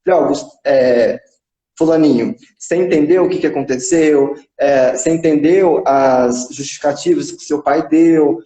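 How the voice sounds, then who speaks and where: A man's voice: a little high, normal speed, mellow. Man telling a session story, echoey. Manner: recounts a session, acting out quoted dialogue. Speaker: psychodrama psychologist. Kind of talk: casual storytelling in a live chat. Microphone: phone on a live video stream. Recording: echoey room.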